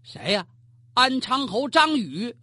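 A storyteller voicing a blunt, hot-tempered male county official who shouts his loyal protests at court, in a husky, lively voice. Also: medium pitch, slow pace, no room sound, exaggerated voice. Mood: defiant. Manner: shouting, impassioned.

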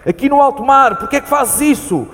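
A frightened man lost at sea, calling out again and again for a companion who is gone, as a man reads him on stage. His European Portuguese voice sits a little high and turns urgent and pleading. The long hall reverb of a live theatre reading hangs around every word. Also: normal speed, a little mellow, close to an everyday voice. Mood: panicked pleading.

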